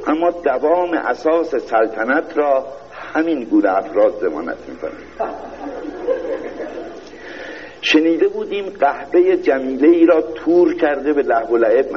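A man giving a satirical literary reading, speaking as a pompous royal narrator with a deliberate, sardonic delivery. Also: medium pitch. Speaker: reader. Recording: dull, lo-fi recording with faint hiss.

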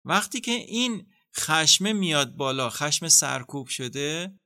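A man speaking as a psychotherapist in an interview, calmly explaining how treatment works and acting out what a therapist says. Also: fairly high pitch, no echo, studio quality. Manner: calm, explanatory, acts out therapist dialogue. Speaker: psychotherapist guest.

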